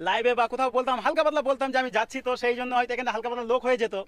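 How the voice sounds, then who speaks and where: A man, a local social media creator chatting outdoors in a jokey, playful way with a loud sing-song streak. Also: very high-pitched, steady tone, very fast. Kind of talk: casual chat with playful chanted rhyme. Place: outdoors by a riverbank.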